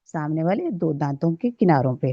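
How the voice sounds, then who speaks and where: A woman teaching Quran recitation rules. She sounds each letter out slowly and often stops to check that the listener follows. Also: low voice, expressive, no echo, lo-fi sound. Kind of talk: recorded tajweed lesson.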